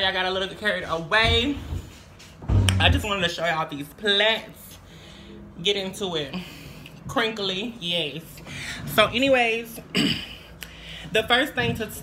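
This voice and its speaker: A woman's voice: lowish voice, sharp tone, slight background noise. A young adult woman vlogger giving casual tips, chatty and repeating phrases for emphasis. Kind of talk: casual tutorial chat.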